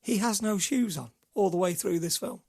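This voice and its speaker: A man's voice: sits high, moderate pace, creaky, warm tone. A middle-aged man co-hosting a podcast, telling rambling stories in casual chat. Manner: chatty, rambling storyteller. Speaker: podcast co-host.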